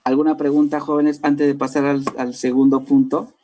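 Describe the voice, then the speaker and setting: A male language teacher with a Peruvian Spanish accent lectures his class, explaining things and tagging sentences with "¿no?" while addressing students directly. His voice is on the high side, mellow and level, at a moderate pace, on a low-quality recording with slight background noise.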